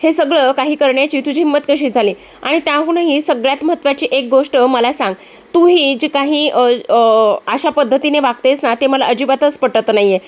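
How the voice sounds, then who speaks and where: Woman reading stern middle-aged aunt, scolding, accusing, high voice, serial recap. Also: moderate pace, lightly acted.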